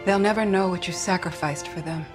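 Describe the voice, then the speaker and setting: A grave, secretive Jedi master played by a woman speaks in a deep female voice with solemn composure. It is screen drama dialogue, with a loud score swelling behind it. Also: brisk, close to an everyday voice. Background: loud music.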